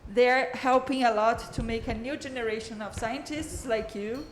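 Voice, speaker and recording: There's a little hiss or hum as a woman with a voice on the high side, fairly even in intonation and moderate in pace, introduces a guest speaker. As the course host in a lecture room, she keeps the casual introduction warm and chatty, laughing between remarks.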